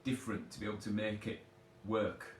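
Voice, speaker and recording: A rambling male personal trainer gives casual live Q&A advice while sitting on his sofa at home, chatty and self-deprecating throughout. His voice is lowish with little pitch movement and a little fast. The echoey room, distant mic, and faint background noise mark the recording.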